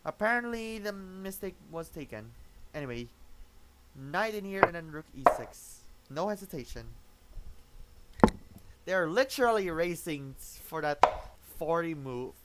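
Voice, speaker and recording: A young man hosting his own channel, giving live chess commentary, excitable and given to repeated exclamations. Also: fairly high pitch, a little slow, long pauses, heavy background noise.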